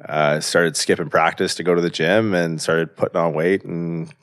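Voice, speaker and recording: Deep-voiced man, rambling and casual. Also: fairly even intonation, moderate pace. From Canada. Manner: rambling, fillers like "like" and "right?", casual swearing. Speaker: guest, strength coach. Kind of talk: casual podcast interview.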